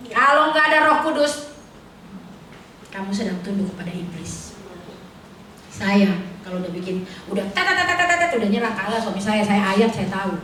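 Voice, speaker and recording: A woman's voice: on the high side, recorded from a distance, a little hiss or hum. A middle-aged woman preaching an informal sermon at a prayer fellowship, chatty and colloquial, mixing in personal stories and questions to the congregation. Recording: echoey hall, voice picked up from afar.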